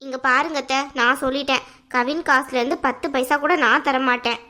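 A woman voicing a sharp-tongued young woman in an animated family drama, sarcastic and scornful. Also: high voice, a little fast.

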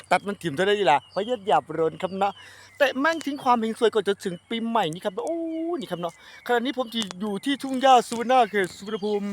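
High-voiced Isan man joking outdoors. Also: animated, fast, a little hiss or hum. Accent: Isan Thai. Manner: rambling, crude, self-mocking humor. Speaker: vlogger. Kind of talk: joking outdoor vlog banter. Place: outdoors in a grassy field.

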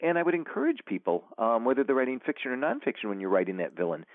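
A man appears as an author guest in a casual interview, rambling with plenty of fillers and restarts. His mid-range voice is very animated and rapid-fire, and the audio is a dry, tinny phone line with no echo.

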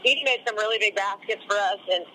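A woman's voice: medium pitch, fast, bright, forceful tone, slight background noise, rough recording. A woman head coach answering questions in a post-game interview, rambling and full of "you know" fillers.

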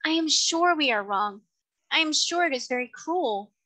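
A woman voicing a tender-hearted young girl who speaks in a high, beseeching, earnest way. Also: animated, moderate pace, sharp tone, no echo. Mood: pleading.

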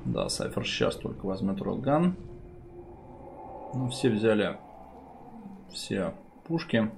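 A man's voice: fairly low pitch, wildly swooping pitch, takes it slowly. A man giving live esports commentary in an informal way, full of gamer slang. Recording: clear background game noise.

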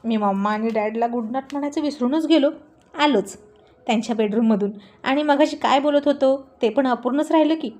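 Woman reading cocky young male student, bossy, teasing, mellow voice. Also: sits high, a little fast, close to an everyday voice. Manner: cocky, ordering others around.

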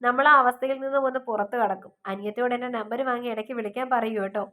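A woman's voice: on the high side, fairly even intonation, racing, fairly bright tone, natural voice. A woman reading a kind, reassuring man. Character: kind, cheerful middle-aged man on the phone.

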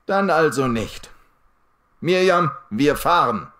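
A man's voice: fairly high pitch, animated, fairly bright tone, voice pushed up. A man voicing a nervous, pushy businessman in an audiobook for German learners. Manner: hurried, pushy.

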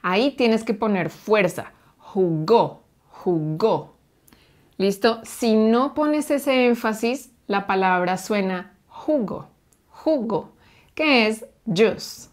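Slow, patient Spanish teacher woman. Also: on the high side. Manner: patient, slow, stresses each syllable. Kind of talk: slow, clear language drill.

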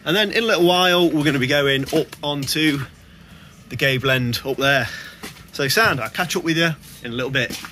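A man's voice: on the high side, pushed and bright, a little hiss or hum. A young man, a bricklayer, talking casually about his work for a vlog, recorded outdoors on a building site. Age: young adult. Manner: quick, plain-spoken site talk.

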